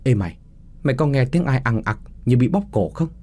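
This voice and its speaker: A man's voice: mid-range voice, expressive, a little fast, a little mellow, voice pushed up, natural voice. A man doing a jittery young farmhand. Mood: uneasy.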